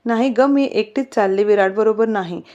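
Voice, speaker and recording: A woman's voice: medium pitch, normal speed, darkish tone, lightly acted. A woman voicing a sly, theatrical young woman in a storybook reading. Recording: slightly muffled recording.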